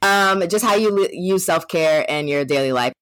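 Woman podcast guest, very low voice, reflective and conversational, dry room. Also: animated, normal speed, no room sound. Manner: reflective, conversational with "you know" and "like". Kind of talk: casual chat.

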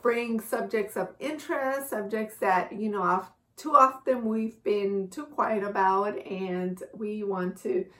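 A woman's voice: medium pitch, slow pace, few pauses, sharp tone. A young woman co-hosting a podcast, chatting casually and laughing often as she talks. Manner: laughs often while talking. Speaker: co-host.

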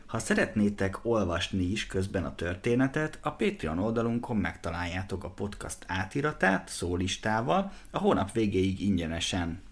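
A man co-hosting a language-learning podcast, chatting casually with expressive, lively intonation. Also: low voice, hardly any pauses. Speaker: podcast co-host.

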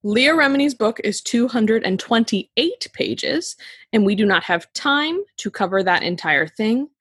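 Woman podcast host, casual chat, giggly and full of fillers, slightly husky tone, dry close mic. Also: fairly high pitch, lively intonation, a little slow, fairly bright tone, no room sound. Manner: chatty, giggly, lots of filler words. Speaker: podcast host presenting a book.

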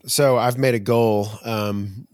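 A man co-hosting a podcast in casual chat, talking earnestly and getting animated as he recounts his frustrations. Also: medium pitch, slow, no room sound, clean studio sound. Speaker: podcast co-host.

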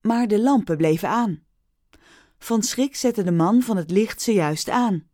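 A woman reading a story aloud in a calm, clearly paced narrating voice. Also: mid-range voice, unhurried, dry recording, clean studio sound. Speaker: audiobook reader.

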